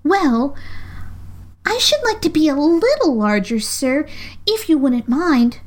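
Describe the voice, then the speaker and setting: A woman's voice: sits high, sing-song, slow, pitched above the performer's own voice, heavily acted. A woman voicing a polite, anxious little girl who speaks timidly and pleads. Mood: pleading.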